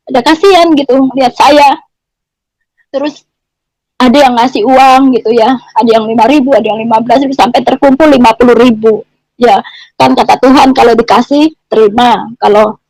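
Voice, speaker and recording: A woman's voice: a little high, darkish tone, no room sound, poor audio. A middle-aged woman tells her testimony in a casual, repetitive way, restating each phrase before moving on. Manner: repetitive, restates phrases, ends clauses with "gitu". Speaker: guest giving a testimony. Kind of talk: conversational testimony storytelling.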